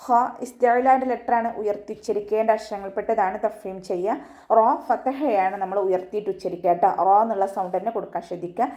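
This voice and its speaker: Woman, recitation teacher, patient stepwise explaining, slow high chanting of verse words, warm mellow tone. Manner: patient step-by-step explanation, often ending with a soft "tto". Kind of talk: online tajweed lesson.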